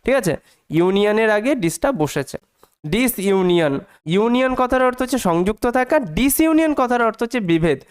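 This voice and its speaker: Man, English teacher, high voice, drawn-out reading then quick explanation, frequent rhetorical check-ins. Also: animated, clean tone. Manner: checks in often with rhetorical questions. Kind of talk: reading lesson, translating English into Bengali.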